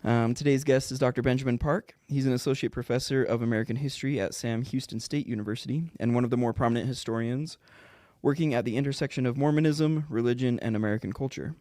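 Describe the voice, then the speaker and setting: A man's voice: medium pitch, fast, mellow, no echo. Casual podcast host man, dry sound. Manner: casual, laughs easily, reads an intro. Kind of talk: casual podcast chat and intro. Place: studio.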